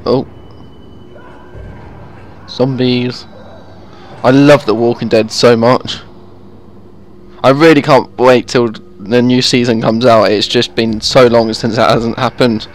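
A man's voice: medium pitch, fairly even intonation, takes it slowly, long pauses. A young man casually commenting while playing a video game, chatting to his viewers. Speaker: gaming YouTuber. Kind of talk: casual let's-play commentary.

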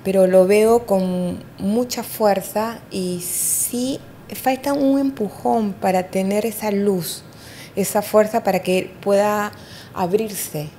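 Brief: woman psychic in an interview, mellow tone, hesitant with many fillers, faint rumble behind. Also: steady tone. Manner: hesitant, fills pauses with "eh" and "¿me entiendes?". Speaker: astrologer and psychic. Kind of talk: interview, giving psychic readings.

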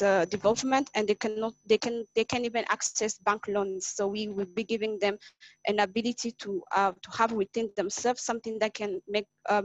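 Halting woman pitching a project. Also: dry recording, lo-fi sound. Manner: halting, frequent restarts. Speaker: pitch presenter.

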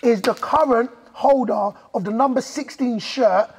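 A man in his thirties with a London accent, hosting a quiz with lively, slangy banter. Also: extremely high pitch, unhurried, slightly rough. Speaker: quiz host. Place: industrial indoor studio with metal walls, seated apart from contestants.

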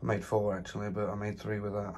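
A man with a low, monotone voice talks casually through a phone walk-through of his plot, full of fillers. Wind and outdoor noise sit clearly behind him. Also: fast. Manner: chatty, plain-spoken, full of fillers. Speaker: allotment vlogger. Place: windy allotment outdoors, then a room at home.

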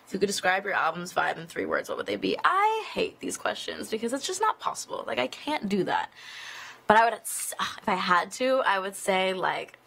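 A young woman, a singer, chatting casually on a live stream, reading fan questions aloud and answering with lots of "like" and quick laughs. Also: mid-range voice, vocal fry, fairly bright tone, husky. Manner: chatty, giggly, filler-heavy with frequent "like". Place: indoors at an office.

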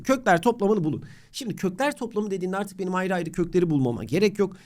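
A man's voice: high-pitched, darkish tone. A young man teaching a math lesson on video, talking straight to the student in a playful, joking way. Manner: playful, talks directly to the student, jokes and mock chants.

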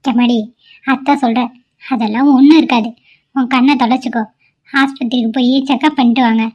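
A woman's voice: a little high, fairly even intonation, fairly quick, a little mellow, lo-fi sound, natural voice. A woman voicing an anxious, caring middle-aged mother-in-law in a cartoon, soothing and fretful by turns. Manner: soothing, fretful, calls on god. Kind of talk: cartoon voice acting.

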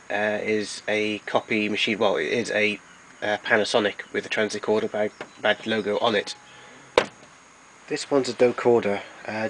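A collector shows off his tape recorders in an informal demo, explaining plainly and somewhat haltingly in a fairly low voice that's a bit bright. The amateur recording is rough, with audible noise behind him.

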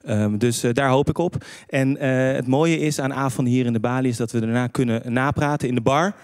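A man's voice: medium pitch, fairly quick, a little mellow, clean tone, dry recording, studio quality. A man, a political reporter, co-moderating and welcoming a live audience in a friendly, informal way with some fillers. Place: debate hall on stage.

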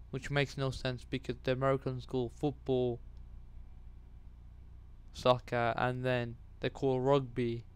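Slow, rambling guy. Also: mid-range voice, smooth. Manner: rambling, chatty, goes off on tangents. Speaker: gaming commentator. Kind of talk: casual Let's Play commentary.

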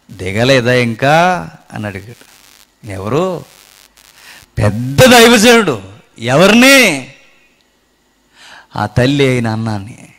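A man preaching a sermon, swinging between loud, impassioned exhortation and hushed asides. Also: mid-range voice.

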